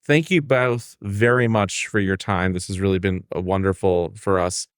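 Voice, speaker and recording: A man's voice: low voice, fairly even intonation, moderate pace, clean tone, no echo, studio quality. Upbeat man hosting a podcast. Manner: upbeat, chatty questioning. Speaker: podcast host. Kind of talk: podcast interview.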